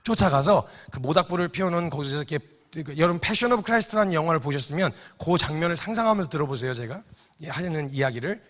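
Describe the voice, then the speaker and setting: Fast, high-voiced preacher man in a hall. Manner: lively comic storytelling, acting out characters. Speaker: missionary preacher. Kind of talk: storytelling sermon.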